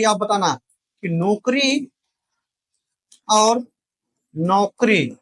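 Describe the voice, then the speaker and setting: Male tutor, high pitch, drills students with constant rhetorical questions and repetition. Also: fairly bright tone. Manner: keeps asking rhetorical questions and repeating the answers; addresses viewers directly, calls them brother. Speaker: Hindi exam-prep teacher. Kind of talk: spoken lesson, drilling spellings.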